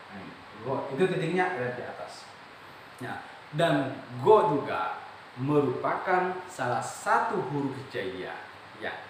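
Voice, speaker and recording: A man's voice: fairly high pitch, fairly bright tone, slight background noise. An Indonesian man teaching Quran reading, explaining patiently and often checking that his listeners follow. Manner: explains slowly, often checks understanding, stretches out recited syllables. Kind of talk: classroom lesson. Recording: very echoey room from far off.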